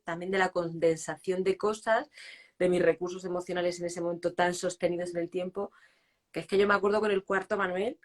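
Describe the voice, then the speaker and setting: Candid woman host, reflective talk. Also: lowish voice. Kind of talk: casual interview talk. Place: live online stream.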